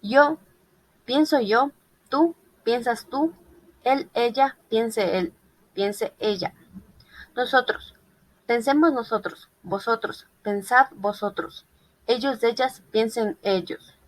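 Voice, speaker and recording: A woman's voice: on the high side, takes it slowly, poor audio. A woman reading a group class presentation on irregular verbs, listing examples methodically. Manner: methodical listing of verb forms. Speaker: student presenter.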